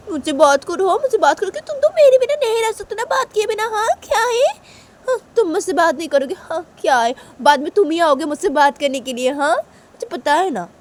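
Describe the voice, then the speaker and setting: A woman's voice: very high-pitched, pitched above the performer's own voice. A woman voicing a sulky young woman in a love story, whiny and indignant, repeating herself. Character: sulky young woman lover, quick to complain.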